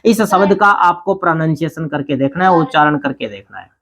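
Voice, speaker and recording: A man's voice: a little high, animated, brisk, a bit bright. Male teacher checking "thik hai na?". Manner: explains step by step, asks and answers own questions. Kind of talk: grammar lesson.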